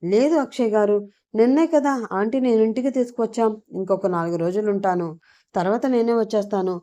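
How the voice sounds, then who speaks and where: A woman's voice: mid-range voice, fairly quick, mellow, close to an everyday voice. A woman voicing a stubborn young woman who pleads to get her way. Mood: pleading.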